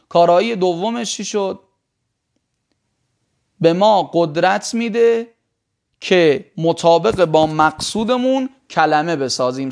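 A man teaching a grammar class in a lecture style. His voice sits high and has a rough, gravelly edge. He keeps asking his students questions and sounds out vowels one by one as he explains.

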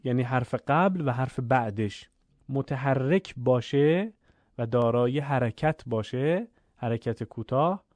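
A man teaching Quran recitation, explaining rules clearly and then chanting the examples slowly and drawn out. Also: mid-range voice, darkish tone, no echo. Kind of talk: recorded recitation lesson.

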